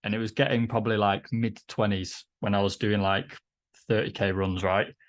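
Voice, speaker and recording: A man's voice: fairly low pitch, level tone, moderate pace. A man who coaches, hosting a podcast interview and asking long conversational questions. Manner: conversational, swears casually, asks long questions. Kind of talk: casual interview.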